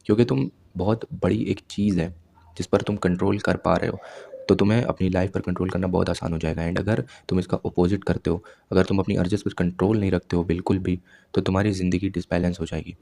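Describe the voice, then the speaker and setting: A man in his twenties gives an advice monologue to camera, speaking fast in a low, flat, gravelly, dark voice. He lectures his viewers directly, dealing out blunt self-improvement tips one point at a time.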